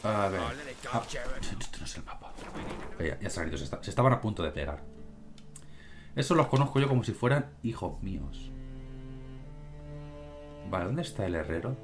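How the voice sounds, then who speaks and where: A man's voice: lowish voice, normal speed, long pauses, music in the background. A man with a Spain Spanish accent gives casual gameplay commentary, swearing freely and speaking straight to his viewers from home. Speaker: gaming streamer. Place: home room with cats. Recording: home recording with steady background noise.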